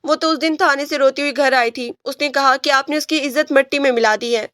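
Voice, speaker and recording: Woman doing a scared young man begging, pleading tone, high voice, dry sound. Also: fairly even intonation, a bit bright, dry recording. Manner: pleading, fearful. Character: frightened poor young man, pleading brother.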